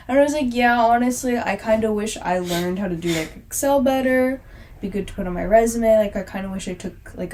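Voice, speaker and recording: Laughing young woman telling a story. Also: a little mellow. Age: 20s. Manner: laughing storyteller, drops her voice low, acts out quotes. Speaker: podcast co-host. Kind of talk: casual chat.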